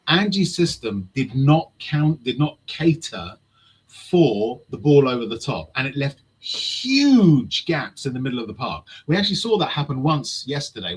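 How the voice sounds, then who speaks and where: Husky man with a mid-range voice, ranting and swearing about football, casual chat host. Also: mid-range voice, low-quality recording. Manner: passionate, swears freely, ranting.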